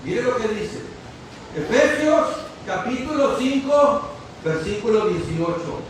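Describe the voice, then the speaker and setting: Male preacher, high voice, slow and emphatic, shouting at peaks, heard from far off in an echoey church with faint hiss. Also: expressive. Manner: preaching with rising shouts and slow, stressed words. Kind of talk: impassioned sermon. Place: church sanctuary.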